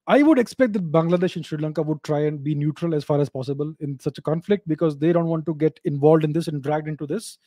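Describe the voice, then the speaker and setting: Man explaining, dark and dry close-mic voice. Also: fairly high pitch, no echo. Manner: measured, explanatory, repeats key points. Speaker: host answering live video call questions. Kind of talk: live video chat Q&A on geopolitics. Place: home study with bookshelves. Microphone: studio mic on a boom arm, close.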